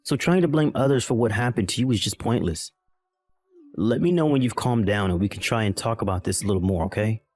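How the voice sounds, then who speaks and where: A man's voice: on the low side, a little mellow, natural voice. A man voicing a callous, dismissive husband. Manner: dismissive, irritated, belittling. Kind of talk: voice-acted text-message drama.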